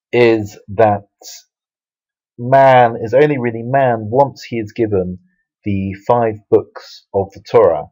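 A man with a lowish voice teaches Bible Hebrew letter by letter. He explains patiently, restarting phrases and filling pauses. The recording sounds dull and lo-fi. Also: mellow. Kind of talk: video lesson. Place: Jerusalem.

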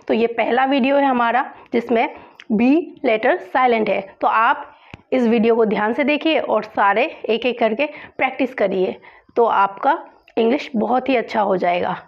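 Slow patient woman teaching pronunciation. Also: fairly high pitch, vocal fry, lo-fi sound. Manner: slow, patient, asks and answers her own questions. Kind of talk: spoken lesson, spelling words letter by letter.

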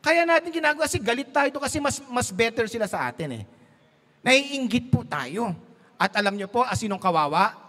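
A man's voice: very high-pitched, animated, a little fast, a bit bright, long reverb tail. A man preaching a sermon as pastor, mixing Tagalog and English, telling jokes and laughing at his own stories.

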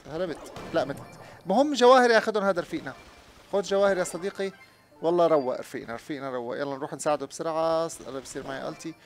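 A young man, a chatty gaming YouTuber doing let's-play commentary who talks to his viewers and gets loud and excited during play. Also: fairly high pitch.

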